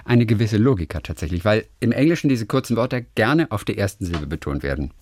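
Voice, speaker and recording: A man's voice: fairly low pitch, big pitch swings, fast, a little mellow, no room sound. A man co-hosting a chat podcast, joking around, rambling and reading out listener mail. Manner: playful, rambling, reads listener mail aloud. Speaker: podcast co-host. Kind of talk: casual chat.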